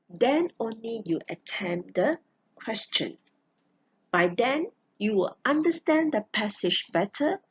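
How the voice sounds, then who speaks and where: A woman, talking students through an exam paper. Her voice is very husky and breathy, her pitch sits a little high and swings widely, and she takes her time over each phrase. The recording sounds dull and lo-fi. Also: fairly bright tone. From Malaysia. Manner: slow, deliberate, stresses key words. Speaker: English teacher. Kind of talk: exam preparation lesson.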